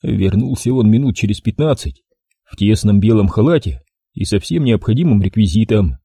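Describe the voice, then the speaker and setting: A man narrating a first-person audiobook with expressive, ironic storytelling. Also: fairly low pitch, moderate pace, creaky, slightly rough, dry recording, clean studio sound.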